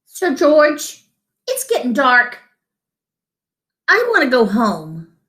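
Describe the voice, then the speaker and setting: Woman as a plaintive, high-voiced little boy dragon. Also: wildly swooping pitch, slow, fairly bright tone, reverberant, exaggerated voice. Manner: sighing, plaintive. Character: little young male dragon, dejected but sweet.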